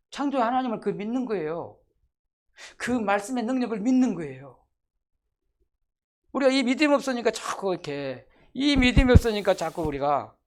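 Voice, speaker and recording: A pastor preaches a sermon in a church sanctuary, his pitch jumping up and down with lively energy. He is emphatic, repeating key phrases and tossing rhetorical questions at the congregation, moving from loud, urgent declarations to sudden near-whispered asides.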